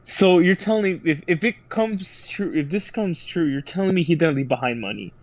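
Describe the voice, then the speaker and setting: A young man in casual podcast chat, emphatic and exasperated. His voice sits a little high. The recording sounds dull and lo-fi. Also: expressive, a little fast. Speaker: podcast co-host.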